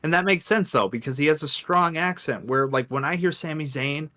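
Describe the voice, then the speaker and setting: A man's voice: a little high, a little fast, sharp tone. A man co-hosting a wrestling podcast, chatting casually and slipping into mock voices for quotes. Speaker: podcast co-host.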